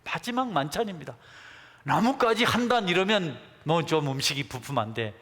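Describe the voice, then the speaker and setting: A man's voice: on the high side, very animated, moderate pace, fairly bright tone. A middle-aged man preaching a sermon as pastor, emphatically exhorting his congregation and calling for amens. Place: church sanctuary. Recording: echoey church hall.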